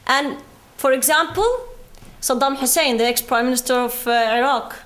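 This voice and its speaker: A young woman in her twenties from the West Bank, with a Palestinian British accent, gives an earnest personal testimony as a guest speaker in a university lecture hall. She speaks at a moderate pace in a high, fairly bright voice, pleading with the audience.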